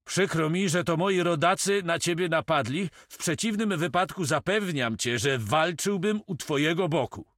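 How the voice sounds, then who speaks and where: A man's voice: a little high, moderate pace, few pauses, a bit bright, no room sound, studio quality, voice pushed up. A man voicing a polite nobleman who speaks courteously and apologetically. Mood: apologetic. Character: courteous male nobleman, the count.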